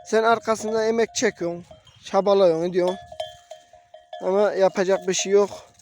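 Young shepherd with a hoarse voice. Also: male voice, high voice, level tone, normal speed, darkish tone, soft background music. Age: young adult. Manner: talks to viewers as friends, calls to his animals. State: hoarse from a cold. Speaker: shepherd vlogger. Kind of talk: casual vlog narration outdoors. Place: mountain pasture outdoors, wind.

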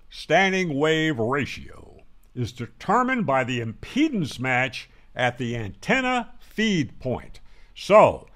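With a voice on the high side and a bit bright, this American ham radio tutorial host in his 60s talks to camera conversationally, emphatically and wryly. He sits close to a boom-mounted broadcast mic indoors, in a small home room filled with guitars.

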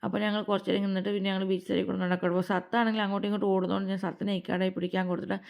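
A woman's voice: medium pitch, little pitch movement, very fast, vocal fry, a little mellow. A young woman narrating a family vlog as a casual voice-over, rambling and chatty. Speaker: family vlogger. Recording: slightly dull lo-fi recording.

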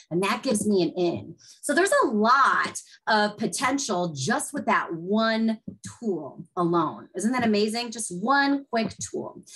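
A woman's voice: mid-range voice, a bit bright, slightly rough, rough recording. A woman giving a webinar presentation as a teacher, telling stories in a chatty, enthusiastic way.

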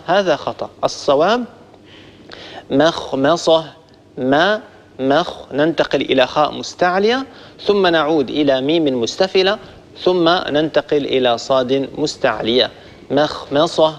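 A man teaching Quran recitation, patiently explaining each point step by step and slowly demonstrating the sounds to a group of listeners. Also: on the high side. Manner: addresses listeners warmly as a group. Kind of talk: instructional lesson on pronunciation. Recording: long reverb, dull lo-fi sound.

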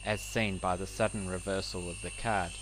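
Guy with a lowish voice doing calm scripted flight training narration, explains step by step. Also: background noise. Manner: measured, explanatory. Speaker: flight instructor.

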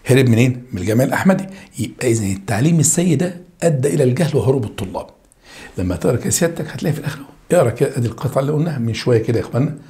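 A man's voice: medium pitch, very fast. A man with an Egyptian accent teaching an exam-review lesson, asking questions and answering them himself. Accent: Egyptian Arabic. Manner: animated, asks and answers his own questions. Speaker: Arabic teacher.

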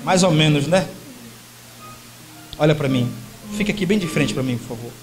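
A man's voice: a little high, normal speed, low-quality recording. A man preaching and prophesying at a church service, urgent and commanding as he directs people. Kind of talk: charismatic church ministry. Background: music playing.

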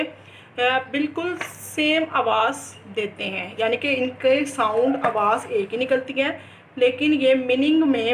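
A woman teacher gives a recorded lesson in a fairly high voice. She reads example sentences slowly and deliberately, then explains them patiently with small hesitations. A faint ambient hiss sits under her voice. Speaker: English teacher. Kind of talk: recorded class lecture.

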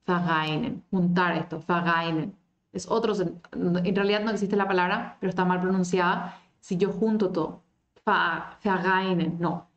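Slow, careful woman teaching German. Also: mid-range voice, roomy sound, highs cut off. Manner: reads German lines slowly and clearly, then explains them in Spanish. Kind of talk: online language lesson.

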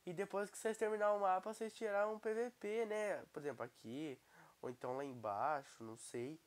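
A young man with a Brazilian Portuguese accent, commenting casually and excitably on his gameplay while he has a cold. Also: high-pitched, a little fast. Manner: excitable, exclaiming at the screen. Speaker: gaming YouTuber.

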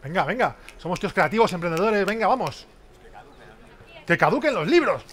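Brisk and high-voiced, a man in his thirties stands on an exhibition-hall stage giving a participatory business workshop. His headset mic carries a lively stream of audience questions, many of them tag questions.

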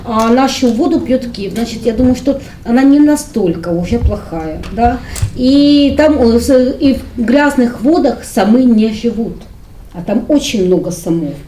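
A woman's voice: a little high, animated, measured pace, warm tone. Woman, assured replies, roomy echo, faint noise. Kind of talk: answering press questions. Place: indoor press conference room. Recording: echoey room, faint noise.

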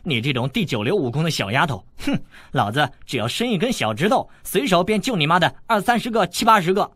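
A man's voice: a little high, sing-song, brisk, a bit bright, no echo, clean studio sound, pitched above the performer's own voice. A man voicing a cheeky, boastful teenage boy who teases crudely, in an audiobook. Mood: brash teasing.

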